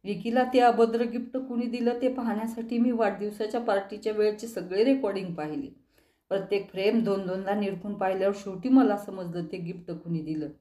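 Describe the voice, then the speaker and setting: A woman reading as a rattled man explaining urgently, in an audiobook. Her tone stays mellow and unforced. The voice carries a roomy echo. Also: mid-range voice, brisk, lightly acted. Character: anxious man revealing troubling news.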